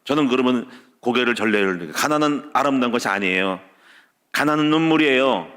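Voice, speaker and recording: A man preaching a sermon as pastor, stacking short repeated clauses and telling personal stories, with loud peaks and quiet dropped endings. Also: mid-range voice, animated, brisk, clean tone. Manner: tells personal stories with laughter. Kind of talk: Wednesday service sermon.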